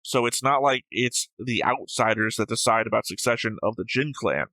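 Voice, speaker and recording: A medium-pitched man with a pushed, bright voice talks at normal speed while hosting a reaction show. He reads viewer comments in a casual, rambling, argumentative way and keeps correcting himself. There's no room sound, though the audio quality is poor.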